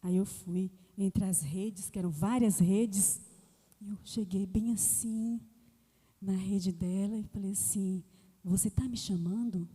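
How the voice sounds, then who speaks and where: A woman giving a testimony in a sermon, telling a story in a relaxed, conversational way with frequent fillers. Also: mid-range voice, slow, husky. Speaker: church speaker giving a testimony. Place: church hall. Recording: long church hall reverb.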